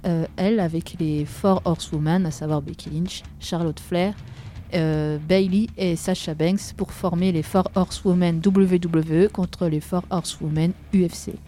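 A woman's voice: fairly low pitch, fairly even intonation, unhurried, warm tone, slight background noise. A woman co-hosting a casual podcast chat, chatty and laughing often. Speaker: podcast co-host.

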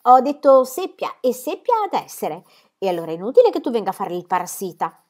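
A woman's voice: mid-range voice, sing-song, fairly quick, a little mellow. A woman voicing a bold, cheeky young girl who exclaims playfully.

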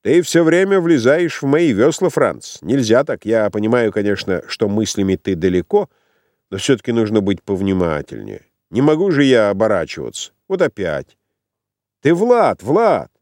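A man's voice: lowish voice, sing-song, moderate pace, a little mellow, dry recording, voice pushed up. A man reading an audiobook voices a jovial, carefree middle-aged man who talks in an easygoing, lecturing way. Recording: dry close studio sound.

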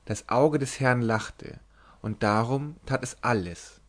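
A man reads a classic literary story aloud, calm and measured. His voice sits at a middling pitch, and he lightly shades the lovers' dialogue without leaving his own voice. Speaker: audiobook reader. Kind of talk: scripted narration.

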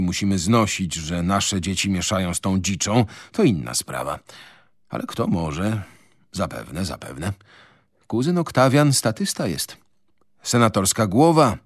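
A man's voice: on the low side, no echo, studio quality. A man playing a pompous old gentry father. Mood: lecturing. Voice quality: pompous, declamatory. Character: older male gentry father, pompous and self-pitying. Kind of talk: radio reading of a novel.

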